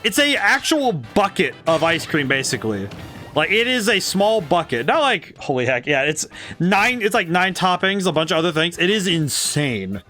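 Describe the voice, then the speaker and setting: Young man, game streamer, chatty and giggly, slightly high voice, faint game music behind. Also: sing-song, normal speed, pushed and bright. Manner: chatty, giggly, self-correcting with frequent laughs. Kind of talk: casual live-stream commentary while playing.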